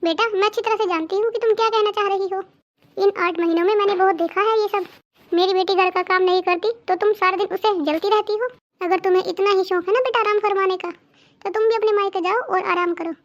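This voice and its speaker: Cartoon mother-in-law, domineering and loud, a woman voices her; very high pitch. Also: fairly even intonation, brisk, highs cut off. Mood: scolding. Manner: scolding, loud and commanding. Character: bossy middle-aged Indian mother-in-law, favors her daughter. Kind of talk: cartoon voice acting.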